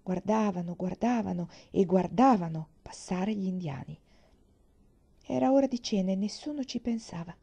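Woman reading a storybook aloud, gravelly warm voice, kinda muffled dull recording. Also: medium pitch. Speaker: reader. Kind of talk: audiobook narration.

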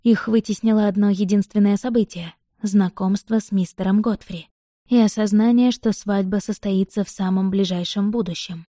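A woman reading a first-person novel aloud in an even, measured storytelling manner. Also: medium pitch, no room sound, clean studio sound. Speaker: audiobook narrator. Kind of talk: audiobook narration.

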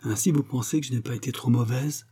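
A man's voice: medium pitch, fairly even intonation, fast talker, warm tone, breathy edge, pitched above the performer's own voice, lightly acted. A man voicing an anxious young actress. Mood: hopeful. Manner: hesitant, hopeful.

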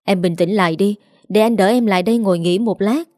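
Brief: woman reader doing a shifty husband, fast and defensive, dark mellow voice. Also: mid-range voice, no echo, studio quality, natural voice. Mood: soothing. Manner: quick, pushy and defensive. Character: scheming middle-aged man, fake grieving husband.

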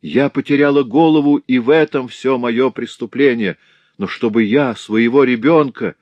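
A man's voice: mid-range voice, moderate pace, dry recording, dull audio, pitched above the performer's own voice, natural voice. A man voicing a young woman who pleads desperately with her father, in an audiobook reading. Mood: desperate pleading. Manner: sobbing, imploring outcries. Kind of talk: audiobook character voice.

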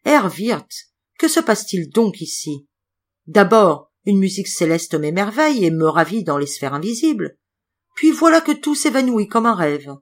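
An effusive young wandering musician, overflowing with exclamations and awe, as a woman reader puts him on. He pours out his words with rising excitement in a storybook reading. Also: mid-range voice, moderate pace. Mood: bewildered.

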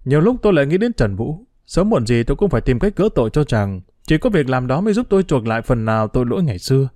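A man narrating a novel as a first-person diary, reading in an expressive, emotional way. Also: medium pitch, fast, no echo, studio quality. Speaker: audiobook narrator.

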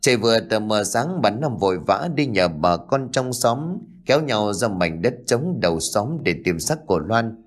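A man narrating a ghost story in an expressive, dramatic way. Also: lowish voice, moderate pace.

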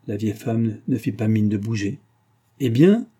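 A man narrating an audiobook with a low, very dark voice and a husky grain. His reading is steady and even, carrying the story along at an unhurried pace. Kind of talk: scripted narration.

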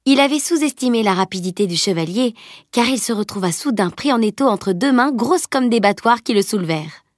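A woman narrating a novel as an audiobook, reading in a steady, even way. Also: fairly high pitch, fairly quick, no echo, clean studio sound.

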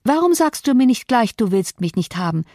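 A sharp-tongued young woman from an audiobook scolds with impatient indignation, as the woman reading puts her on. Her voice sits a little higher than the reader's own, with an animated lift. The sound is close and dry. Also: brisk, dry recording. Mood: indignant.

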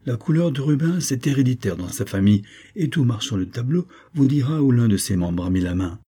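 A man reading aloud voices an effusive, flattering middle-aged army major with a theatrical, gushing manner. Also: mid-range voice, a little fast, breathy edge. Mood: jovial.

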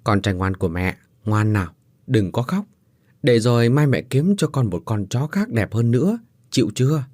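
A man voicing a kindly older mother who speaks gently but firmly. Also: on the low side, animated, moderate pace, dry recording, clean studio sound. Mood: soothing firm. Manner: soothing, motherly, firm.

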